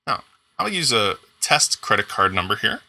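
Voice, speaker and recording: A man in his forties giving an upbeat, enthusiastic walkthrough of payment software in a screen-recorded tutorial. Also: on the low side, big pitch swings, moderate pace, creaky. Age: 40s. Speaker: software demo presenter.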